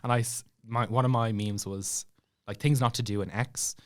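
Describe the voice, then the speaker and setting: In casual podcast conversation, a young adult man with an Irish accent relates a story from his own life, his voice fairly low and his pace moderate. He plays out the dialogue as he goes, animated and dropping laughing asides.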